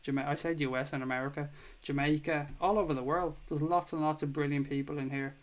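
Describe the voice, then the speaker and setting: A man's voice: on the high side, fairly even intonation, quick pace. An Irish man in his thirties hosting a casual live football chat stream, reading viewer comments and swearing now and then. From Ireland. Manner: chatty, swears casually, thanks viewers warmly.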